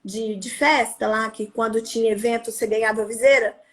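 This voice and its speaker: Woman, Brazilian Portuguese accent, high voice, demonstrative, talk guest. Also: fairly even intonation, moderate pace, a bit bright. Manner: demonstrative, acts out examples. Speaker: occupational therapist, guest. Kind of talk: casual conversation, explaining.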